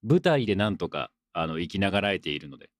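A man's voice: low voice, sing-song, fast talker. A young man hosting a casual solo radio talk show, reading listener letters with loose, rambling, self-deprecating asides and a playful mock-formal tone. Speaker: podcast host.

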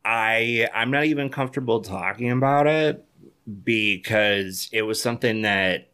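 A woman's voice: rumbling low, a little slow, fairly bright tone, clean tone. A woman co-hosting a podcast, chatting casually in a wry, blunt way. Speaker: podcast co-host.

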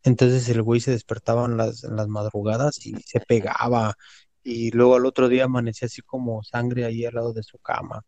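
A man with a Mexican Spanish accent spins a story in relaxed chat, his voice mellow and dark at an ordinary pitch. He talks in slang and hammers points home by repeating words. The sound is dry and close, with little room around it. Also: fairly quick, dry recording. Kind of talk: casual storytelling.

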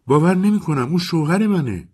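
A man voicing a frightened, volatile woman in an audiobook, pleading and high-strung, with a husky edge to the voice. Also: expressive, a little mellow. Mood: shrill. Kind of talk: audiobook character voice.

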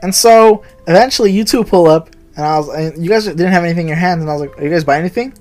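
A man's voice: a little high, fast. A young man co-hosting a podcast, telling a rambling story with lots of swearing and acted-out quotes. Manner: animated, swears a lot, acts out quotes. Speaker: podcast co-host. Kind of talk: casual chat, rambling storytelling.

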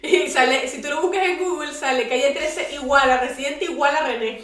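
Brief: gossipy woman podcaster, higher voice, roomy echo, set back from the mic. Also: fairly quick, fairly bright tone. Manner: gossipy, laughs often, teasing. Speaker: podcast co-host. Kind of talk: casual chat. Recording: echoey room, distant mic.

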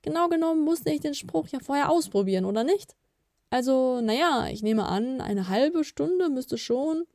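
A woman's voice: mid-range voice, fairly quick, darkish tone, dry recording, clean studio sound, lightly acted. A woman voicing a fussy, self-important male elf who talks with pompous airs, in a storybook reading. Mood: sheepish. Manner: pompous, rising and sheepish.

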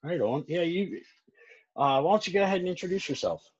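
A man's voice: fairly high pitch, animated, fairly quick, breathy edge, no room sound, dull audio. A male podcast host who introduces his guest and chats in a laid-back, encouraging way. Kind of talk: casual interview chat.

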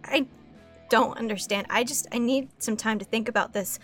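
A woman's voice: on the high side, fairly bright tone, faint music behind, lightly acted. An actress playing a shaken young woman who stammers and halts. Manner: halting, stammering speech. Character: shaken young woman facing a hard truth.

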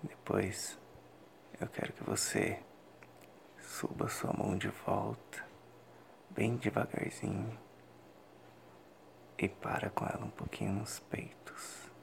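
A man with a Brazilian accent in a whispered role-play, giving intimate, slow and deliberate instructions in a breathy close whisper to an adult listener. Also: lowish voice, level tone, slight background noise.

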